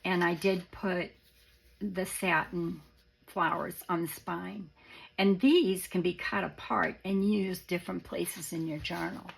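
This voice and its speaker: Female craft vlogger: lowish, gravelly, raspy failing voice, informal and rambling, slight background noise. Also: steady tone, unhurried, poor audio. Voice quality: raspy, worn voice. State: voice starting to go after illness. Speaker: craft video presenter. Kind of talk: casual show-and-tell of a handmade journal.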